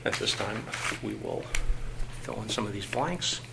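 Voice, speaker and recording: A male investigator reading formal procedure in a measured, bureaucratic way, with many "uh"s, heard on an old recorded interrogation tape from a conference room. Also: fairly low pitch, lively intonation, creaky, heavy background noise. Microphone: tabletop recorder.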